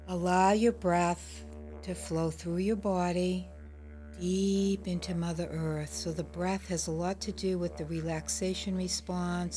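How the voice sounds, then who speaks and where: A woman leading a guided meditation in a gentle, soothing, unhurried way. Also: on the low side.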